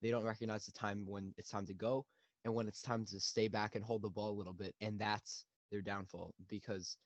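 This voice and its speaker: A man's voice: on the low side, little pitch movement, brisk, dry recording. A young man co-hosting a casual football chat, talking in a loose, rambling way with fillers and restarts. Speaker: podcast co-host. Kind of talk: casual sports analysis. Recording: dull lo-fi dry sound.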